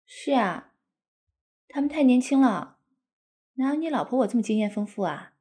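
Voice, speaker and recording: A woman playing a coquettish, doting young wife in an intimate audio role-play, cutesy, pouty and wheedling, with a breathy voice. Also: a little high, expressive, normal speed, dark tone. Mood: doting, reassuring.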